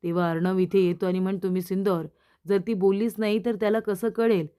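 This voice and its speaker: A woman's voice: medium pitch, fairly even intonation, a little fast, warm tone, smooth. A woman with a Marathi accent narrating a TV serial episode recap, retelling each character's lines in her own plain voice.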